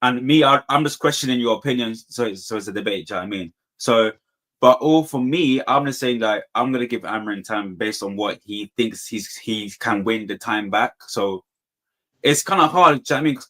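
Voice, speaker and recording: Guy, slangy football fan, mid pitch, casual debate, repeats himself. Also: a little fast, a bit bright.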